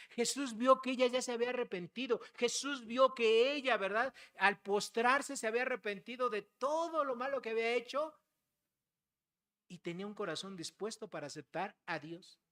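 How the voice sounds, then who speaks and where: A preacher with a Mexican accent delivers a sermon in a chatty, teaching tone, at a middle pitch. The preacher keeps checking in with the listeners and slips into short acted-out dialogues to make a point. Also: normal speed, fairly bright tone. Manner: conversational, keeps checking in with "¿verdad?"; acts out everyday dialogues to illustrate points.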